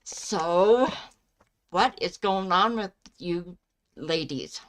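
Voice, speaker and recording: Slow-paced woman hosting a casual live stream. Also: on the low side, animated. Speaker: live stream host giving psychic love readings.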